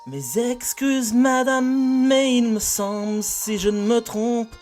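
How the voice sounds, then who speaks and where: A man singing as a stiff, formal gentleman. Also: very high voice, slow, soft background music. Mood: mock-solemn. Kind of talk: sung comic parody of theatre lines.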